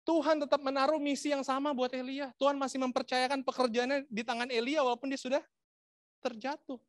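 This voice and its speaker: A man preaching a sermon, dramatic and swinging from loud to hushed, asking the congregation rhetorical questions and mixing in English phrases. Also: very high voice, little pitch movement, fairly quick, no echo, clean studio sound.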